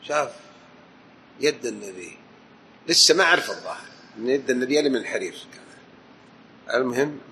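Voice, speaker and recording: A male Islamic teacher lecturing a study circle. He tells stories in an animated way, with sudden swings in loudness. A faint background hum sits behind him. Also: mid-range voice, a little fast, pauses often, low-quality recording. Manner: animated storytelling with asides. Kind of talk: lecture to students.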